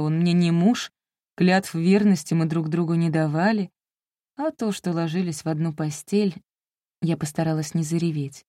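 A woman reads a first-person audiobook with wry, self-mocking storytelling. Her voice is lowish, warm and mellow. The recording is close and dry. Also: no room sound. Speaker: audiobook narrator.

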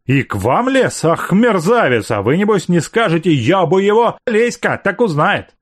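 A man's voice: sits high, sing-song, normal speed, voice pushed up. A man voicing a timid middle-aged manservant who pleads in a plaintive, raised voice. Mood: pleading.

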